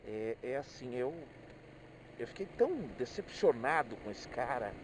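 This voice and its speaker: Rambling casually about his personal reflections, this middle-aged Brazilian-accented motorcycle vlogger speaks a little slowly, hesitating and frequently repeating words. His medium-pitched voice has lively intonation, and the background is noisy.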